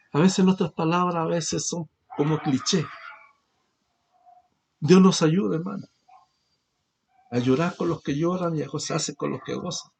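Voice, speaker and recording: A man preaching a sermon as pastor, asking rhetorical questions and swinging between loud emphasis and quiet, low passages. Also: creaky, a little hiss or hum. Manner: preaching with rhetorical questions, rising and falling in force.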